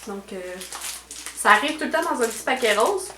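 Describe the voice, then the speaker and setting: Chatty Quebec woman with a bright voice. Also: on the high side, lively intonation, fairly quick, background noise. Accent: Quebec French. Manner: chatty, full of fillers and trailing "là". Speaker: beauty vlogger. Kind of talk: casual unboxing chat. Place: at home indoors. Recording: echoey room.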